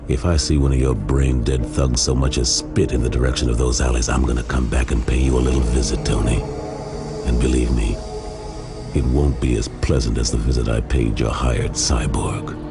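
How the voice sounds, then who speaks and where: A gravelly, deep-voiced enforcer. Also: male voice, fairly even intonation, moderate pace, loud music behind the voice. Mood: threatening. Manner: threatening, gravelly. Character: menacing tough male enforcer.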